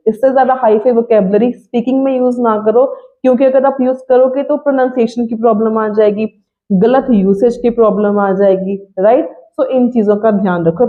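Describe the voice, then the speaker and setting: A woman teacher, explaining step by step in a fairly high voice. The sound is thin and tinny, as if it came down a phone line. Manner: explaining, mixes Hindi and English. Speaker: IELTS teacher. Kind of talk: online lesson.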